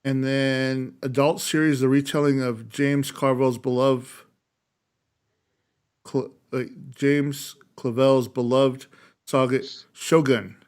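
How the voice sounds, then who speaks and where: A man's voice: medium pitch, flat delivery, a little mellow, clean tone. A man co-hosting a podcast, telling stories in casual chat with frequent fillers and restarts. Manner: storytelling, halting with fillers. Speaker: podcast co-host.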